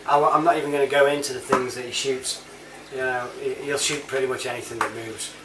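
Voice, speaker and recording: Steady in tone and a little fast, his mid-range voice carries a casual, rambling monologue full of informal slang and matey chatter. He's a British online reviewer and CB chat app user, recorded in a roomy space on a distant mic with clear background noise.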